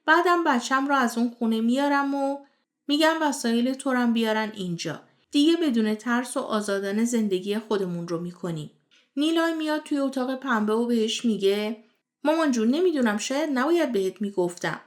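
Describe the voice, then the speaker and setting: A woman hosting a channel, reading a scripted retelling of a TV drama episode and passing on each character's words as reported speech. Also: fairly high pitch. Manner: steady storytelling voice, relaying characters' lines as reported speech. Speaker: series recap host. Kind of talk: scripted narration retelling a TV series.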